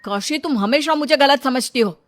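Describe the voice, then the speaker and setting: A woman voicing a young husband in a cartoon story, speaking in a lowered, firm tone. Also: normal speed, a little hiss or hum, lightly acted. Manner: firm, plain, pitched lower. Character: young husband, plain-spoken, a bit impatient.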